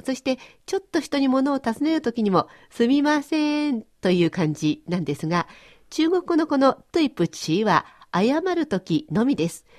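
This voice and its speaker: A woman hosting a radio language lesson, explaining phrases in a friendly, clear, instructive way. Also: fairly high pitch, darkish tone. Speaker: language teacher and host.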